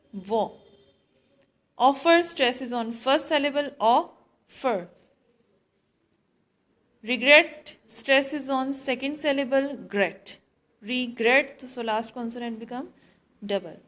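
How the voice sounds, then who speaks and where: Slow, high-voiced Indian woman teaching. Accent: Indian English. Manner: slow, deliberate, repeats and quizzes students; mixes Hindi and English. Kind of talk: classroom grammar lesson.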